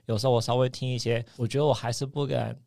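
A male podcast co-host who talks fast but hesitantly, stumbling over his first words. His voice sounds close and dry, with no room around it. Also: medium pitch, little pitch movement, gravelly, mellow, no echo. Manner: self-conscious, hesitant, stumbles at the start of sentences. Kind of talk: casual chat.

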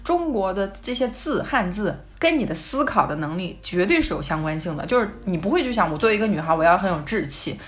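A young adult woman co-hosting a podcast, telling stories in a lively, emphatic way. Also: medium pitch. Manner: animated storytelling, quick and emphatic. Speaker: podcast co-host. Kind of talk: casual podcast chat.

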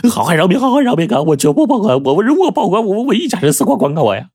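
A male storyteller voicing a frightened peasant man, who stammers and wails in a high, strained voice. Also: big pitch swings, rapid-fire, darkish tone, breathy edge, no room sound, studio quality, exaggerated voice. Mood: pleading. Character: terrified, whining peasant man pleading for his life. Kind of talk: storyteller's acted dialogue.

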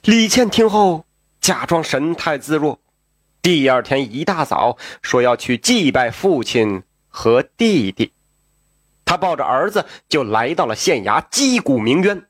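A man narrating a traditional tale in an animated way, with asides to the listener. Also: on the high side, measured pace, dry recording, studio quality. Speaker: storyteller.

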